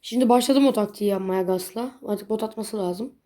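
While playing a mobile game, a young gaming creator gives casual commentary, getting frustrated quickly and cursing mildly at her bad luck in a blunt way. Her mid-range voice is mellow and a little fast.

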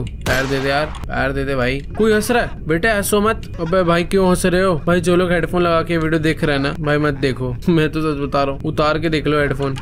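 A young man with a Hindi accent doing excitable let's play commentary of a horror game, talking to viewers with jumpy startled cries. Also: fairly high pitch, slight background noise. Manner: excitable, talks to viewers, jumpy frightened exclamations. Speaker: gaming YouTuber.

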